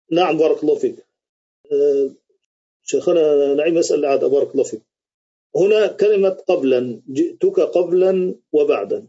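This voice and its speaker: Guy teaching grammar over a video call, dark husky voice, kinda muffled, keeps quizzing the class. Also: a little high. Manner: quizzes students, repeats and restates rules. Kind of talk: live online grammar lesson.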